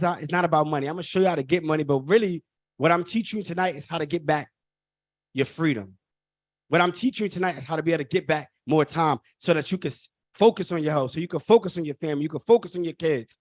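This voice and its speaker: A man's voice: fairly high pitch, fast, no room sound, clean studio sound. A man, hosting a live online workshop in an emphatic, repetitive way and calling the audience y'all. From Brooklyn. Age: 30s. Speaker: workshop host.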